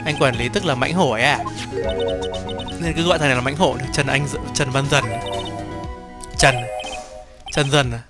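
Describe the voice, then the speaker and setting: A man streaming a game in casual chat, reading the dialogue aloud in playful voices, excitable and quick to swear and laugh between lines. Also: medium pitch. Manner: reads each character's lines in playful voices and comments between them. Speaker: gameplay streamer. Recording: game music behind the voice.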